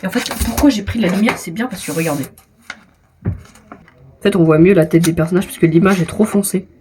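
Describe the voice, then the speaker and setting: A woman's voice: on the low side, a little fast, background noise. A teenage girl with a French accent chatting casually in a vlog, self-mocking, with hesitant restarts and trailing off. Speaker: vlogger. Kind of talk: casual chat.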